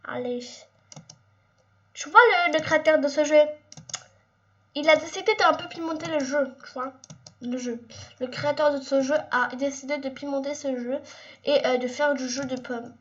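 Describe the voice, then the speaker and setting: A young woman with a high voice, talking excitedly over her gameplay as she plays. She chatters nonstop and breaks into sudden squeals. The home recording sounds a little dull, with keyboard clicks behind her. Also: normal speed, long pauses. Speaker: gaming YouTuber. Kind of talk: casual gameplay commentary.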